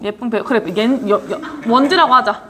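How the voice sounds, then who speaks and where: A woman lecturer delivers a leadership training talk in a lively, down-to-earth way, casually quizzing her students again and again. Her voice is a little high and brisk, with crowd noise in the background.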